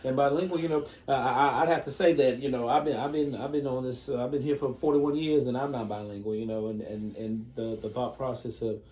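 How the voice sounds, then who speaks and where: Mellow man interviewing, rambling and affirming; distant mic in an echoey room. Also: medium pitch, steady tone, fast talker, few pauses. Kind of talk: casual interview. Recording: roomy, distant mic with background hum.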